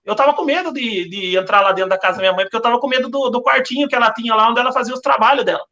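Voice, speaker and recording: Brazilian man, earnest religious testimony, bright tense tone, dull lo-fi sound. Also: very high voice, rapid-fire. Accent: Brazilian Portuguese. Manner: earnest, repetitive storytelling. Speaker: podcast guest.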